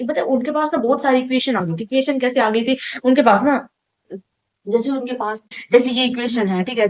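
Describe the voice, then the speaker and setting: A woman teacher talking to her students in a relaxed, chatty lecture. She keeps asking questions and then answering them herself. She drops English terms into her explanations. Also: fairly high pitch. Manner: mixes English terms into speech. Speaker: online teacher. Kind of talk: casual classroom lecture.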